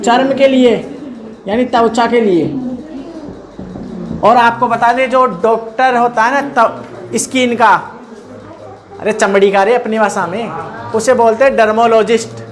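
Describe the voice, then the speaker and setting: A man's voice: very high-pitched, poor audio. A man teaching a lecture, repeating key terms and asking his listeners questions as he goes. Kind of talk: classroom lecture. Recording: crowd noise behind.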